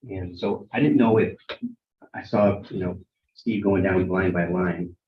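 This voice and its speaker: A man with a low voice walks a council workshop through his department's budget. He speaks haltingly, full of ums and restarts. The sound is muffled and echoes around a meeting room. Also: steady tone. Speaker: town recreation director.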